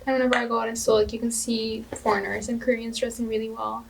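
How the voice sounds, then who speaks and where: A woman's voice: a little high, little pitch movement, fast talker, creaky, distant mic, noisy background. A young woman from Morocco, a university student guest chatting casually with many "like"s. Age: young adult. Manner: chatty, many "like" fillers, laughs easily. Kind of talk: casual podcast chat.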